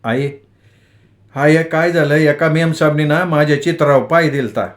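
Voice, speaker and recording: A man's voice: a little high, fairly even intonation, moderate pace, natural voice. A man voicing a hurt young village son. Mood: hurt, pleading. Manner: plaintive, pleading.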